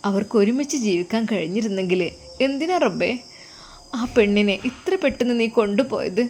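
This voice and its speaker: A woman voicing a kind, caring woman who speaks gently to a child. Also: mid-range voice, animated, a little fast, a little hiss or hum, close to an everyday voice. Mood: gentle. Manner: gentle, sympathetic.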